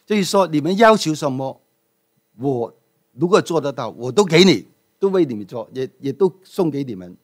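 A man's voice: a little high, big pitch swings, moderate pace. A man voicing a kind, generous old male kung fu master in a sermon story. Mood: fond. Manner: generous, fond.

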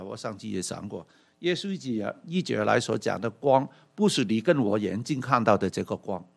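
A man preaching with rhetorical questions. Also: medium pitch. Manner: many rhetorical questions and drawn-out "ah" fillers; mixes in English words. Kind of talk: sermon, Bible exposition.

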